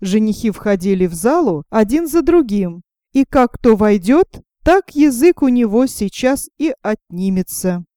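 A woman reading a fairy tale aloud in an expressive, animated storytelling manner. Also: a little high, measured pace, no room sound, clean studio sound. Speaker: narrator.

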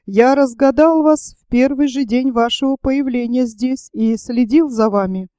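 A woman's voice: high-pitched, unhurried, warm tone, clean tone, no echo, clean studio sound. A woman voicing a cold, watchful male asylum doctor who speaks in a cool, smug, probing way.

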